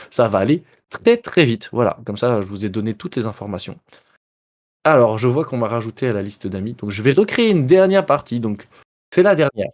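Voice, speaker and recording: A man's voice: mid-range voice, darkish tone. A man hosting a live board game stream, chatting casually with viewers, joking about himself and reading card texts aloud as he plays. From Belgium. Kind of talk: casual live-stream chat while playing.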